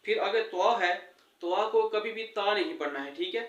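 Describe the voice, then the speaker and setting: A man giving a lesson on correct Quran recitation, explaining sounds and chanting verses slowly. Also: high voice, fairly bright tone, echoey room, distant mic, lo-fi sound. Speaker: religious teacher. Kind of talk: tajweed lesson with slow recitation.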